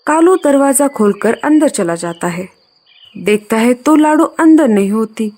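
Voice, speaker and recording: A woman narrating a scripted cartoon story in an expressive storytelling manner. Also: a little high, unhurried.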